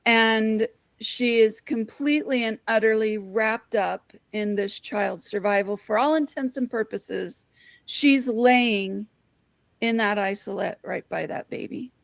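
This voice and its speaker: A woman with a somewhat high, gravelly voice, unhurried and deliberate, speaking close and dry. She gives a heartfelt spiritual talk and calls her listeners her friends. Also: dry recording. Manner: earnest, heartfelt storytelling.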